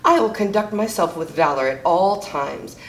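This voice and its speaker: A woman's voice: fairly low pitch, expressive, moderate pace, a little hiss or hum. Polite, formal male recruit for a storybook, female reader, precise wording, roomy sound. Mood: prim, self-assured. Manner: formal, wordy, proper diction. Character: polite, prim, well-spoken male rascal recruit. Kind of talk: children's storybook character voice.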